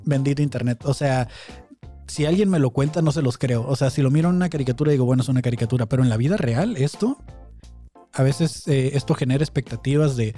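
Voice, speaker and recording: A man's voice: medium pitch, fairly quick, dark tone, faint music behind. A man with a Mexican Spanish accent hosting a podcast, chatting in a casual, incredulous way with many fillers while reacting to videos on a close mic. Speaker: podcast host. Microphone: close studio mic.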